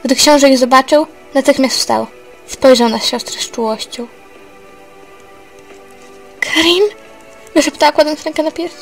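A woman narrates a homemade story in a steady, earnest reading voice. Her pitch sits a little high for a woman. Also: a little fast, soft background music, low-quality recording. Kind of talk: read-aloud storytelling.

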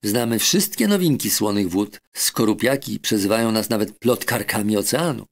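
A man's voice: lowish voice, lively intonation, normal speed. A man voicing a chatty pod of gossiping dolphins in a children's audiobook. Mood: reassuring.

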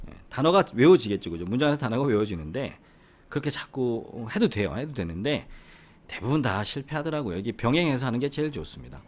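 This is a middle-aged Korean man from the Gyeongsang region, explaining English study at a relaxed teaching pace. His pitch rises and falls in lively swings. He keeps asking the listener to agree, repeats words for emphasis and now and then drops into a near whisper. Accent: Korean with Gyeongsang roots. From Gyeongsang region, South Korea. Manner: conversational, often seeking agreement with the listener. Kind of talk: explanatory lecture.

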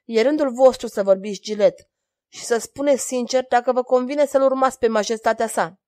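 A woman reading a grave, steady young knight. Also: a little high, voice pushed up, close to an everyday voice. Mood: measured. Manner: grave, measured tone. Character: young male knight, calm, grave and loyal.

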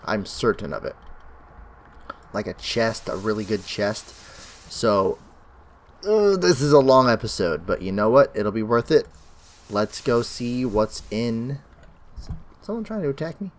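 A man hosting a game channel, chatting casually through a let's-play while sick, with a raspy throat. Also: fairly low pitch, big pitch swings, measured pace, pauses often. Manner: chatty, talks to himself while playing. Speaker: gaming channel host.

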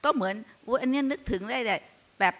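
An older woman hosting a radio show, giving earnest, animated Buddhist advice in a meditation hall. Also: fairly high pitch, quick pace. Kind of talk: dharma talk on live radio. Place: meditation hall with a live audience.

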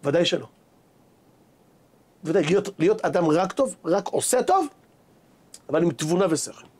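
This is a Hebrew sermon with stories, delivered by a rabbi teaching Torah in a husky voice that sits high. He brings a conversation to life by performing each side of it with great animation.

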